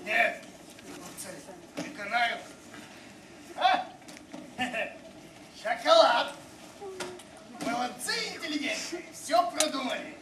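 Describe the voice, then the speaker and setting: Tipsy, generous city traveller for stage comedy, played by a man: very high voice, theatrical, heard from afar in an echoey hall. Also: lively intonation, slow pace, long pauses, far from the mic, noisy background, full character voice. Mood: tipsy, musing. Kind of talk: comic stage acting. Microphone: far camera in the audience.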